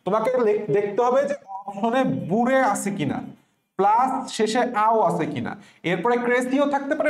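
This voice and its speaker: High-voiced man teaching spelling. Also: echoey room. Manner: repeats and breaks words into sounds, asks rhetorical questions. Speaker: tutor. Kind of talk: exam spelling lesson.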